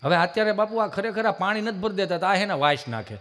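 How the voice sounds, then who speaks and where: High-voiced man telling jokes. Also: quick pace. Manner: animated, acts out family characters. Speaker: stand-up folk comedian. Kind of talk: live folk comedy storytelling. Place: live stage event with audience.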